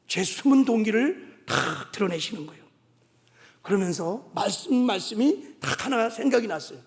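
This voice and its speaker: Man, senior pastor, high voice, repetitive emphatic sermon, long hall reverb. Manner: emphatic, repetitive preaching that builds to shouts. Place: church sanctuary.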